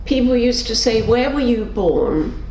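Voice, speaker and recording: With an expressive, darkish voice at a measured pace, an older woman shares her memories in an oral history interview. As she tells her stories, she acts out quotes by shifting her pitch to voice each person. Faint background noise sits under a roomy sound.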